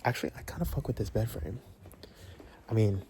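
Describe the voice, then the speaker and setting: A man's voice: on the low side, a little fast, dark tone, slight background noise. A young man chewing gum and joking to viewers in a casual vlog, filmed on a handheld phone inside stores. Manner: playful, joking asides to viewers; chewing gum while talking. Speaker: vlogger.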